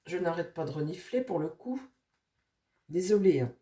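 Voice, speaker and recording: A woman with a cold who talks through her nose, rambling casually with many fillers while reading tarot for her viewers and speaking softly to her cards. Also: lowish voice, animated, normal speed. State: nasal from a cold. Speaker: tarot reader.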